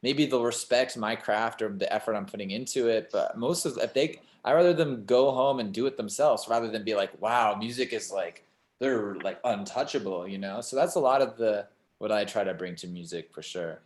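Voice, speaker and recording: A man's voice: fairly low pitch, brisk, hardly any pauses, a little mellow. A young man talking casually as an interview guest, rambling, with many "like" and "you know" fillers. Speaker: singer-songwriter guest. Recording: roomy echo.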